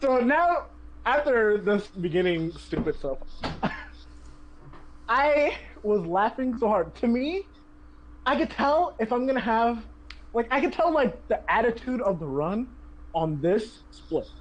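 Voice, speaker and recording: A chatty host talks over a game run in casual commentary, cutting in with tips and laughing often. Pitch sits mid-range but moves a lot. The delivery stays loose and conversational. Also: very animated, takes it slowly, dull audio. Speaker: speedrunner and channel host.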